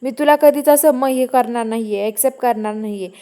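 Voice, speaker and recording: A woman voicing an angry middle-aged mother who shouts accusing questions at her son, in retold serial dialogue. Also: fairly high pitch, a little fast, clean tone, natural voice. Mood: scolding.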